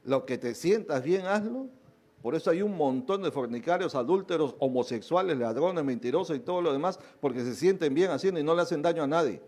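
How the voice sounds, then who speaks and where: A man's voice: fairly high pitch, animated, a little fast, darkish tone. A male pastor preaching a sermon, asking rhetorical questions again and again and acting out other people's voices to drive his points home.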